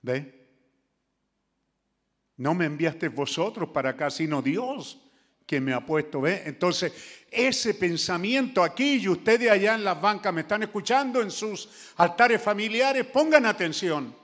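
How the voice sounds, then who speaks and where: A man's voice: high-pitched, animated, unhurried, fairly bright tone, big-room sound. A man preaching a dramatic sermon, calling out to the congregation in the pews. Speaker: pastor. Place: church.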